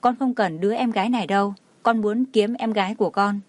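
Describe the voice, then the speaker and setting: A woman's voice: medium pitch, fairly even intonation, a little fast, no room sound, close to an everyday voice. A woman reading the lines of a tearful, jealous little girl in an audiobook, in a sobbing, aggrieved, pleading way.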